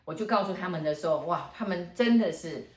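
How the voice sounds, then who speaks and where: A woman feng shui master, telling a story in a lively, chatty way with frequent laughs. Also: on the low side, a little fast. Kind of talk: casual storytelling chat. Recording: roomy echo.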